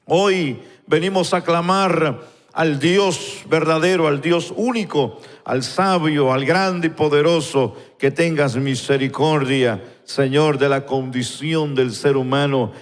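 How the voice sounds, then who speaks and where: A man leading a slow, fervent prayer before a congregation, repeating "Lord" between phrases. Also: a little high. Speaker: pastor. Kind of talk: spoken prayer and sermon. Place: church sanctuary, recorded live. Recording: long church hall reverb.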